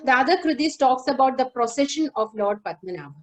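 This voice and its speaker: Woman, lecturer, higher pitch, careful explaining pace, video call audio. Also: expressive, soft background music, low-quality recording. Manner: explains song text line by line, sings verses slowly. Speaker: lecturer on Carnatic music. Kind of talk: lecture demonstration with sung lines.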